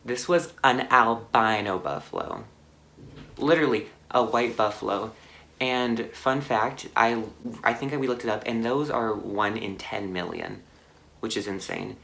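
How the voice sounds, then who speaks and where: A young man telling a car crash story on his vlog, halting and shaken, with many fillers and restarts. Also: lowish voice, gravelly, a bit bright. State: anxious, shaken. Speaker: vlogger.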